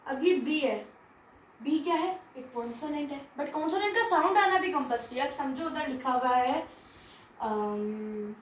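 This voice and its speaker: A woman's voice: sits high, normal speed, echoey room, recorded from a distance, a little hiss or hum, poor audio. A woman teaching grammar, speaking. She asks the class questions and answers them herself, often checking in with "theek hai". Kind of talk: classroom grammar lesson mixing Hindi and English.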